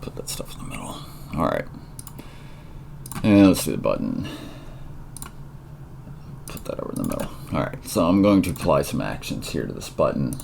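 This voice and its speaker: A very deep, gravelly male voice with a lively, wandering pitch, tired and talking his way through a coding tutorial. He thinks aloud, trailing off into fillers and correcting himself. A faint hiss sits under the recording. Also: moderate pace, long pauses. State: tired and yawning. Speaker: tutorial presenter.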